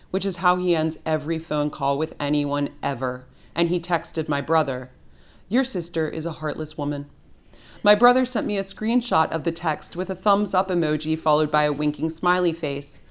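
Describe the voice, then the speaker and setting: A woman author reading her memoir aloud at a university event, in a dry, wry storytelling manner. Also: deep voice. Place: university writing center.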